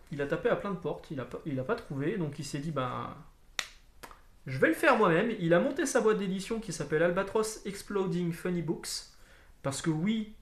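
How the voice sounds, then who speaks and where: A man reviews a comic book in a casual video, rambling loosely with lots of fillers and restarts. His voice is a little high, and the room echoes clearly.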